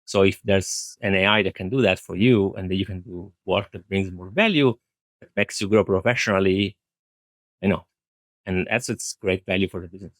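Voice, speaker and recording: The recording is dry, capturing a man's low, slightly bright voice at normal speed. He is an IT director in an interview, thoughtfully and earnestly explaining where he stands and repeating phrases to drive points home.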